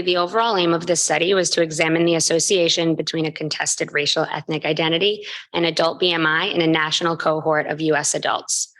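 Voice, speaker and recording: Low-pitched woman giving an academic talk. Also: fairly bright tone, rough recording. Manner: formal, scripted delivery with occasional stumbles. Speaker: postdoctoral researcher presenting. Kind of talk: academic research presentation.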